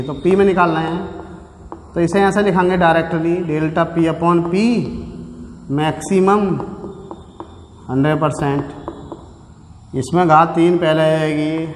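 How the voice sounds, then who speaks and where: A man's voice: high voice, slight background noise. A man teaching physics, patiently working through a numerical step by step and speaking directly to his students. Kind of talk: classroom lecture solving numericals. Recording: echoey classroom with long reverb.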